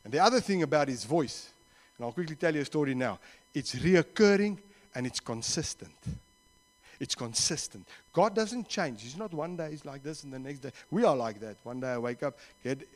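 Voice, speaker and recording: A man with a South African accent preaching a sermon, telling stories in an animated way and slipping Afrikaans phrases in. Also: on the high side, normal speed, big-room sound. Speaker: pastor. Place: church hall.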